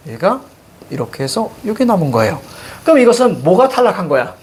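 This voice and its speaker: Lively high-voiced male teacher. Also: fairly quick. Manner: lively, questioning students, repeating key words. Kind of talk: classroom grammar lesson. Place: classroom.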